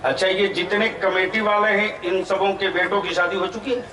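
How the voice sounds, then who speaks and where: A man's voice: high-pitched, steady tone, moderate pace, background noise. Preacher man roaring through echoing PA. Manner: rousing, questions the crowd, shouts at peaks. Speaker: Islamic preacher. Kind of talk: fiery sermon to an outdoor crowd. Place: outdoor public gathering. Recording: echoey distant PA sound.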